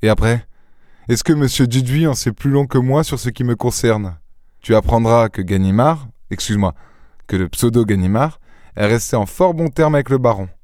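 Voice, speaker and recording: A man reading a story aloud, voicing a suave, witty gentleman-thief who talks in a playful, ironic and airy way. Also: mid-range voice, moderate pace, no room sound, studio quality, lightly acted. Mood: teasing. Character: suave witty male gentleman-thief, mocking and self-assured.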